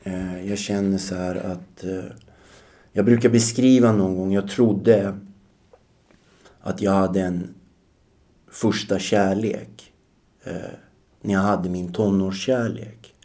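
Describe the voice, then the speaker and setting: A man in his forties recounts his past as a podcast guest. His voice sits low with a gravelly edge and a dark tone. He speaks reflectively, with frequent hesitations. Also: fairly even intonation, pauses often. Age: 40s. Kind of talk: personal storytelling.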